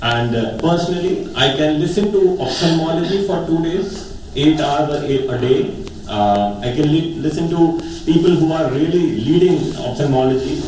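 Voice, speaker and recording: A man with a North Indian accent, an eye surgeon, delivers an earnest, informal personal testimonial in an echoey hall, recorded from a distant mic with faint noise. His voice is on the high side and darkish, at a moderate pace, and he stresses points emphatically and repeats phrases often.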